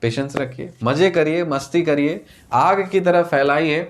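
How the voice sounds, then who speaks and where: A man's voice: fairly high pitch, unhurried, slight background noise. A man teaching exam-prep mathematics in a lecture, explaining step by step and asking and answering his own questions. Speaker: math teacher.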